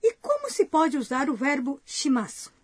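A woman's voice: high voice, huge pitch swings, moderate pace, no echo, studio quality. A woman co-hosting a language course, reading scripted lines and asking curious questions. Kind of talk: scripted lesson dialogue.

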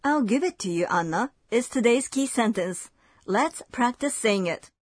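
A woman hosting a language lesson, giving clear, measured scripted explanations. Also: fairly high pitch, expressive, no echo, studio quality.

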